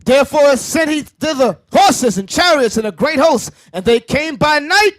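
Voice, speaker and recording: A man's voice: extremely high pitch, animated, moderate pace, no room sound. A man reading Bible verses aloud to a class, declaiming the old-fashioned wording with rising emphasis. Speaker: scripture reader.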